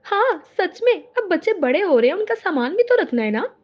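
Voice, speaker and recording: A woman's voice: very high voice, big pitch swings, normal speed, lo-fi sound. A woman voicing an insistent young daughter-in-law who keeps complaining in a cartoon drama. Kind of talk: Hindi cartoon drama voice acting.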